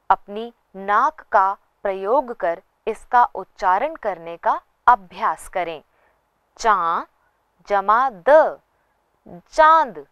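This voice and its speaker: Slow, lively woman teaching phonics. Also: medium pitch, clear, resonant tone, dry recording, muffled recording. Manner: slow, drawn-out syllable-by-syllable pronunciation with rising stress on whole words. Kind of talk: phonics lesson for children.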